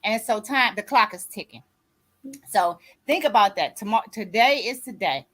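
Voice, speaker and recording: A woman's voice: mid-range voice, expressive, normal speed, a bit bright. A woman in her sixties speaks as a grief coach and author giving a motivational talk. She sounds preachy and keeps checking in with her listeners. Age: 60s. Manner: preachy, repeats "you see what I'm saying".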